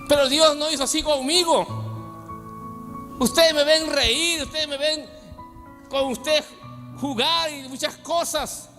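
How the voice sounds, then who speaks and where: A man from Peru preaching a sermon as pastor, with dramatic swings from soft asides to shouting. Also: very high voice, steady tone, slow, long pauses. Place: church hall. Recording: long church hall reverb with faint music.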